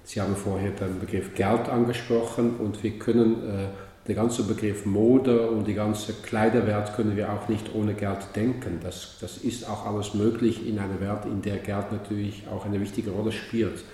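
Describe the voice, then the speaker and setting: A man explaining calmly and at length in a conversation about an exhibition. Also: fairly low pitch. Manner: measured, explaining. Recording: distant, echoey hall with faint noise.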